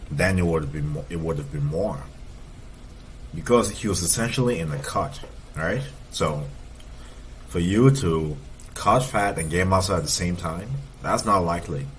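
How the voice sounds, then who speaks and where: A man's voice: low-pitched, a little slow, a little hiss or hum. A man in his thirties, a fitness coach, giving casual, emphatic reaction commentary and repeating points for stress. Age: 30s.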